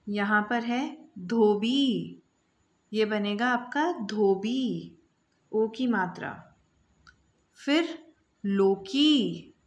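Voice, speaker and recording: A woman teacher reading out a lesson for young children, pronouncing each word slowly and repeating it with emphasis. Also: medium pitch, low-quality recording. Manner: slow, drawn-out word-by-word pronunciation.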